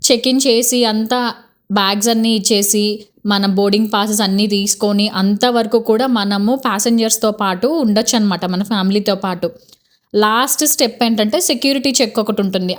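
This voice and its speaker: A woman in her thirties with a Telugu accent, narrating a family vlog in a soft, explanatory way. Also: a little high. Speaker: vlogger.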